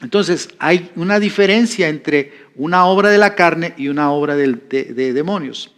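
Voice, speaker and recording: A man's voice: fairly high pitch, normal speed, fairly bright tone. A man preaching in a teaching style, conversational and repeating key phrases for emphasis. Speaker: pastor teaching a class. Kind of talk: sermon teaching.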